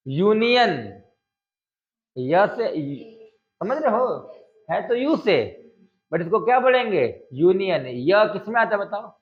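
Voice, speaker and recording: A man's voice: sits high, muffled recording. A male English teacher, teaching a classroom grammar lesson and firing constant questions at his students. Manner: drawls out example sentences slowly.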